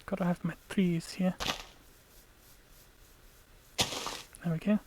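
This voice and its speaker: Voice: medium pitch, fairly even intonation, slow, background noise. Chatty gamer explaining play as it goes. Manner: chatty, explains tactics to viewers. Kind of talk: casual gameplay commentary.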